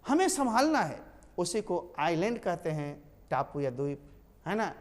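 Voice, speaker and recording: Guy teaching english, high voice, lots of reverb like a big hall. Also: measured pace. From Bihar, India. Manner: animated, repeats and corrects, spells letters aloud. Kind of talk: classroom lesson on silent letters.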